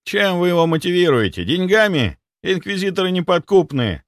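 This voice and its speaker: A man's voice: very animated, normal speed, no echo, studio quality. A man voicing a panicky middle-aged male clinic director who talks in an anxious, pleading rush. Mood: panicked. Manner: anxious, pleading, high-strung.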